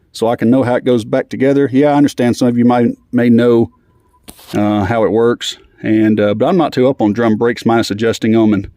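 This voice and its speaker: Warm-toned and medium-pitched, a man talks casually as he repairs an old truck, and there's no echo. Winded and easygoing, he wanders from point to point, dropping many fillers along the way.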